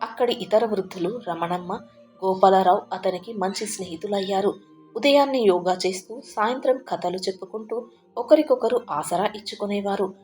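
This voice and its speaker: Woman, storyteller, measured heartfelt narration, soft music behind. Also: mid-range voice. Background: soft background music.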